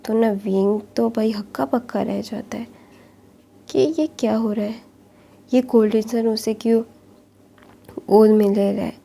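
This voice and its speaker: A woman retells a story in a relaxed, chatty way, padding her sentences with filler words. Her voice is a little high and gravelly, with a mellow, dark tone. Her pitch stays fairly flat. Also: a little slow, long pauses. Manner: chatty, loose delivery with constant filler words. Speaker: storyteller retelling fan fiction. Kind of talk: casual spoken story retelling.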